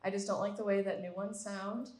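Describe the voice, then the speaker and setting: A woman's voice: medium pitch, fairly quick. Chatty young woman musician, roomy venue. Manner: chatty, relaxed, lots of ums. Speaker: musician guest. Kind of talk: casual interview answers. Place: art bar event space.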